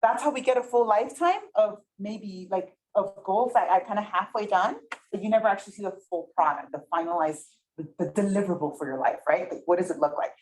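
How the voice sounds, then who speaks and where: In this clip she sounds medium-pitched, brisk and darkish in tone, and the audio is poor. The facilitator, whose first language is Spanish, teaches an interactive community workshop in a meeting room with partly online attendance, chatting and often checking on the group.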